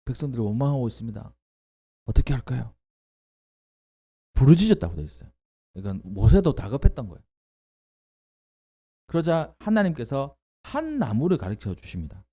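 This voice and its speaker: Lively, mellow-voiced male preacher. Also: on the high side. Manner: expressive, emphatic preaching with rising exclamations. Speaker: pastor. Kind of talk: sermon.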